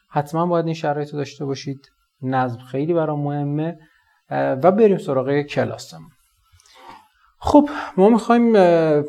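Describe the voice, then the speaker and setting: A man teaching English in a casual spoken lesson, chatting through everyday examples and saying English phrases slowly with a Persian accent. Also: on the high side, a little mellow.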